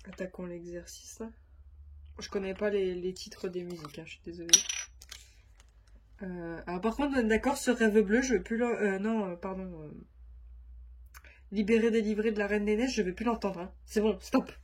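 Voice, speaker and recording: A woman's voice: mid-range voice, normal speed, a little mellow, slightly rough. A woman vlogger chatting casually to camera, her voice nasal from a stuffy nose, rambling with many fillers. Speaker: crafts vlogger.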